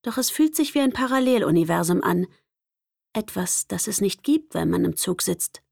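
A young woman narrating a first-person audiobook in a lively, expressive way. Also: mid-range voice, moderate pace, vocal fry, no room sound, clean studio sound.

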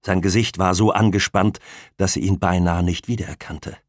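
Low, husky male audiobook narrator. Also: steady tone, normal speed, no room sound, clean studio sound.

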